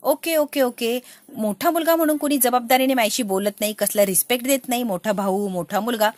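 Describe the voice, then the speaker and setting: A woman's voice: on the high side, fairly quick, no room sound, lightly acted. A woman voicing an irritated young husband who scolds his wife and demands respect. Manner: scolding, exasperated.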